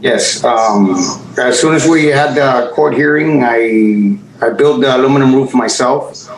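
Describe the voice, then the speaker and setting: A man's voice: mid-range voice, a little slow. A man giving informal testimony as a property owner, explaining step by step what happened. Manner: explanatory, retells conversations with quotes. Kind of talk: informal testimony, recounting events. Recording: echoey video call, faint noise.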